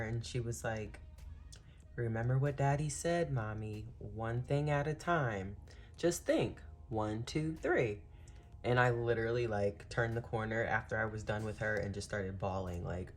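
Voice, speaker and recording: A woman's voice: extremely low pitch, darkish tone. Rambling chatty woman vlogger. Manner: rambling, frequent "like" and "um" fillers; addresses viewers as "y'all". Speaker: planning channel host. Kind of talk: casual confiding vlog chat.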